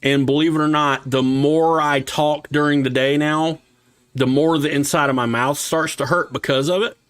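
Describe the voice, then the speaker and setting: A man streaming himself at work, thinking aloud in a halting, casual way, with a slight lisp. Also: on the high side, fairly even intonation, fairly bright tone, clean tone, dry recording. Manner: thinking aloud, halting, talks himself through small decisions. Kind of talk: casual livestream commentary while working.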